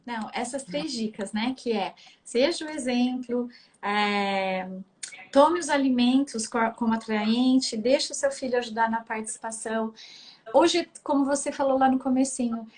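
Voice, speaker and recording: A middle-aged woman with a Brazilian Portuguese accent, a speech therapist hosting a live stream, chatting casually and often tagging her sentences with "né?". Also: fairly high pitch. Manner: chatty, frequent "né?" tags, acts out intonation examples.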